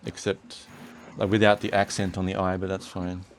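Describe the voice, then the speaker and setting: A young man hosting a casual chat, relaxed and rambling with restarts. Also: low-pitched, normal speed, slight background noise. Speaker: host.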